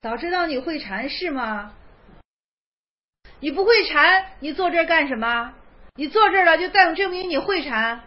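A woman teaching Chan koans in an online class, speaking colloquially, repeating phrases and acting out the dialogue. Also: sits high. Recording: dull lo-fi recording.

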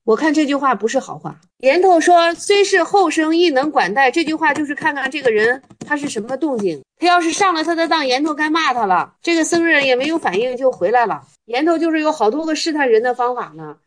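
A woman's voice: high-pitched, animated, a little fast, few pauses. A woman teacher explaining Zen koans to her students in a storytelling way, teasing them with rhetorical questions.

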